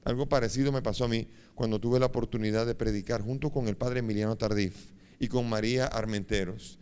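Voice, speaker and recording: A man's voice: mid-range voice, fairly even intonation, fairly quick, a little mellow, clean tone. A man in his fifties with a Dominican accent, a bishop teaching a Bible course who tells a confessional personal story and acts out its dialogue. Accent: Dominican Spanish. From Dominican Republic. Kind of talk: sermon-like Bible lesson with personal testimony.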